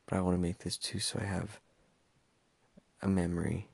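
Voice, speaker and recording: A man's voice: low-pitched, flat delivery, moderate pace, creaky, slightly rough, no echo. A young man talking in a casual personal monologue, hesitant and stumbling over his words with many fillers. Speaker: podcast host.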